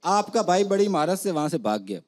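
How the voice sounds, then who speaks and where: A man's voice: high voice, big pitch swings, a little fast. A man reciting humorous rhyming verse on a comedy show, with a rhythmic delivery built around the punchlines. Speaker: comic poet guest. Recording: loud studio audience and noise.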